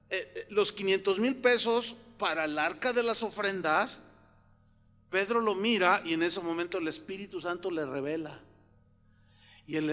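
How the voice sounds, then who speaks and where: A man from Mexico preaching a sermon, telling a story and often rising to loud, emphatic outbursts. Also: sits high. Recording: long hall reverb.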